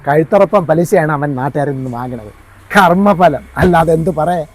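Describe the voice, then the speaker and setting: A man's voice: fairly high pitch, fairly quick, close to an everyday voice. A man playing a gossiping village elder. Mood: chatty. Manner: gossiping, storytelling.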